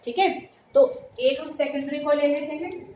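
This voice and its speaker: Woman chemistry teacher, high voice, echoey classroom, keeps checking the class follows. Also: steady tone, moderate pace, muffled recording. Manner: checks understanding often, calls students "beta". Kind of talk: classroom lecture mixing Hindi and English terms. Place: classroom with students answering. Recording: echoey room with faint noise.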